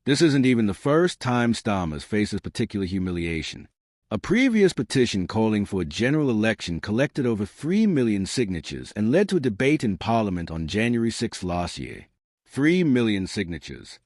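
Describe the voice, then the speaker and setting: A man with a low voice narrates scripted political commentary, swinging his pitch widely for drama. He sounds emphatic and scornful, and the recording is close and dry with no room sound. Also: sing-song, normal speed, darkish tone, no room sound.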